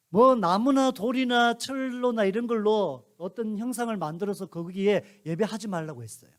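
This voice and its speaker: High-voiced man telling a Bible story to children. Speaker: pastor.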